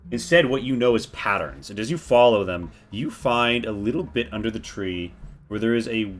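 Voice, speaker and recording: A man running a tabletop game, improvising his narration in a halting way and repeating words as he goes. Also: fairly low pitch, lively intonation. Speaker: game master.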